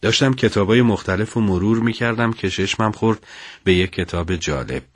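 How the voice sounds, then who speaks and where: A man's voice: on the low side, no echo, studio quality. A man playing a kind, bookish father. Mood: kindly. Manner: kindly, good-humoured. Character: kind middle-aged father, a scholar.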